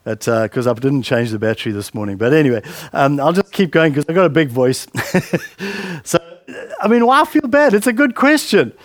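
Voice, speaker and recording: With big pitch swings in a fairly high voice, this pastor speaks at a moderate pace, chatty and digressive, with lots of fillers. There's no room sound, though he's in a church hall using a handheld microphone low on battery.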